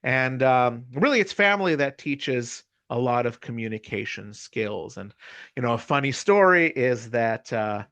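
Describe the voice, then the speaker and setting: Here a middle-aged American man, a university lecturer with a Californian accent, delivers an animated, chatty lecture at a slightly slow pace. His mid-range voice has a fairly bright tone, and he frequently tags lines with "you know" and "right?" to check in, all on a dry recording.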